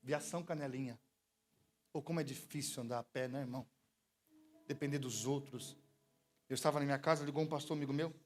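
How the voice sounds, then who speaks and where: A man's voice: mid-range voice, fairly quick, pauses often, soft background music. A man with a Brazilian Portuguese accent preaching a sermon at a church service, telling stories with jokes and asking the congregation to repeat after him. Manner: lively storytelling with jokes and call-and-response. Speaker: pastor.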